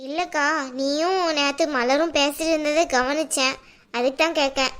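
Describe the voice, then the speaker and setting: A caring younger sibling in a cartoon, voiced by a woman. The voice is high, and the questions come out gentle and concerned. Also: fairly even intonation, moderate pace. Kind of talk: cartoon voice acting.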